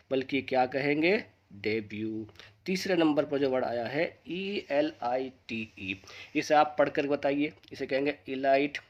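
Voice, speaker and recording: Man teaching pronunciation. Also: highs cut off. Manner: slows and drops low on each correct word. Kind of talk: scripted lesson with quiz questions to viewers.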